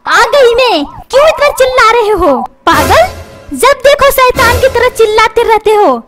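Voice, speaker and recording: A woman's voice: extremely high pitch, expressive, unhurried. A woman voicing a bossy cartoon mother who scolds and threatens her husband and son. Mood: scolding. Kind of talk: cartoon voice acting. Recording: music playing underneath.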